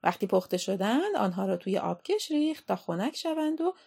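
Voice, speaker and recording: A woman reading a children's story aloud in a measured, expressive way. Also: medium pitch, vocal fry, slightly rough.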